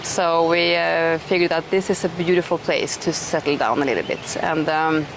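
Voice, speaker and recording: A woman's voice: sits low, steady tone, normal speed. A middle-aged woman, hosting an interview in a chatty, enthusiastic way with many restarts. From Norway. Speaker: host. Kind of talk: casual conversational interview. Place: outdoors in an eco village. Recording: noisy outdoor recording.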